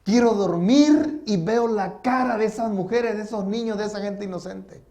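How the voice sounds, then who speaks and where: A male preacher voicing a guilt-haunted former soldier who pleads and shouts in desperation. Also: mid-range voice, expressive, unhurried, close to an everyday voice. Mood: anguished shouting.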